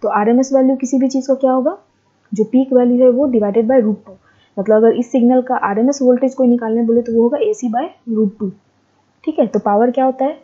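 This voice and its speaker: A woman teacher works through a derivation at a steady, patient pace and keeps asking herself the next question. Her tone is very dark and mellow and sits a little high. The lo-fi recording sounds muffled. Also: husky. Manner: patient, repeats steps and asks herself questions. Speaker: lecturer. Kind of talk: board lesson deriving formulas. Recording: dull lo-fi lecture audio.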